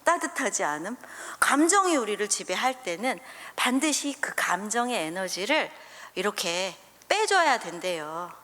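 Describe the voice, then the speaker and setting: A pastor's wife preaching a sermon, telling animated stories and acting out little scenes for the congregation. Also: female voice, mid-range voice, a little slow. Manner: animated storyteller who acts out scenes with the congregation. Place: church sanctuary. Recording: reverberant church hall.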